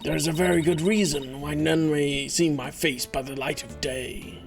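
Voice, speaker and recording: A woman's voice: sits low, fairly even intonation, moderate pace, faint music behind, pitched below the performer's own voice. Woman doing a hissing, sneaky snake-voiced student. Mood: secretive, menacing. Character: sneaky, secretive snake-like young woman student hiding in a box. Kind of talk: video game character read aloud.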